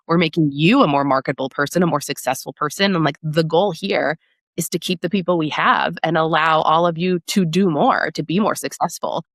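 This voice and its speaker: A product marketing director speaks as a guest in a conversational podcast interview, explaining things and often checking in with tag questions. Her voice sits low and runs a little fast, recorded at studio quality with no echo.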